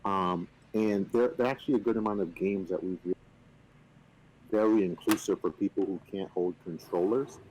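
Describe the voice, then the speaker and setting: A man on a video call casually explaining a game, relaxed and playfully boastful, with lots of fillers. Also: low-pitched, normal speed, slightly rough, poor audio. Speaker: company representative teaching the game. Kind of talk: casual chat on a stream.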